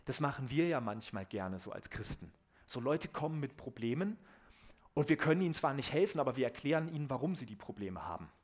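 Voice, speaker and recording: A man preaching a sermon in a conversational, lively way, often asking the listener direct questions. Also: medium pitch, brisk.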